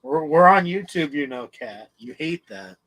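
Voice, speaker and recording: A man's voice: fairly high pitch, lively intonation, a little slow, fairly bright tone, rough recording. A man chatting casually and informally with others on a live group stream. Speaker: participant in a live group chat. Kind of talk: casual chat.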